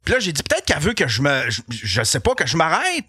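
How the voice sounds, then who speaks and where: A man with a Québécois accent, a podcast host telling a comic story in an animated, profane way and laughing as he goes. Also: a little high, fast, slightly rough, no echo, clean studio sound. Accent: Québécois French.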